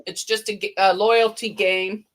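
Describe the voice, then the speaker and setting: A woman hosting a casual sewing livestream, briskly reading out viewer names and bid amounts from the chat. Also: mid-range voice, flat delivery. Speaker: livestream host. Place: indoor sewing room.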